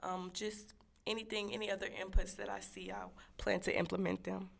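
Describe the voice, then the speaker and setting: Young woman, American accent, creaky fry, average pitch, casual interview guest. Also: flat delivery, brisk. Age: young adult. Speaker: student election candidate, interview guest. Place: radio studio.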